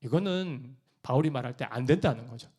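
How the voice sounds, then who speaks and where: A man preaching a sermon as a pastor, animated and acting out quoted church members. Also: mid-range voice, a little fast, breathy edge.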